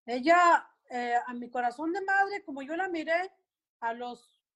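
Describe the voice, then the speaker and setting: A woman's voice: high-pitched, expressive, a little slow, a bit bright. A middle-aged woman, a mother telling a radio interviewer in anguish about her missing daughter and acting out their conversations. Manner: anguished, recounts dialogue with quoted voices. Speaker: mother of a missing soldier, guest.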